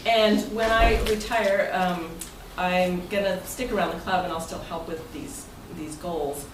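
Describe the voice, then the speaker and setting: An American woman with a lowish voice addresses a club meeting as its president and host, keeping her intonation fairly even and her pace measured. She's informal and jokey, breaking into chuckles, and reads part of her remarks from prepared text. The indoor meeting room is echoey and noisy, picked up on a distant mic.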